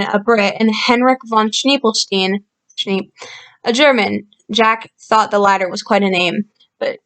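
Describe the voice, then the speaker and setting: Woman explaining calmly into a computer mic. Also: medium pitch. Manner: explanatory, calm, with frequent fillers. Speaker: channel host reviewing a story. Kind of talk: reading a story aloud with casual commentary. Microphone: built-in computer microphone.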